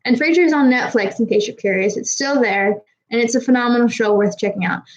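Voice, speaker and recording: A slightly tipsy young woman from Kazakhstan answers her stream's chat in a brisk, fairly high voice, rambling and cursing freely. Her R's give her trouble, and the recording sounds muffled.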